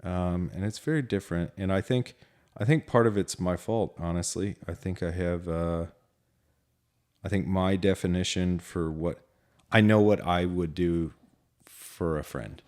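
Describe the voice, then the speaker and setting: A man's voice: low voice, a little slow, a little mellow. A man co-hosting a podcast, talking in a casual, rambling, reflective way with lots of fillers. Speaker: podcast co-host.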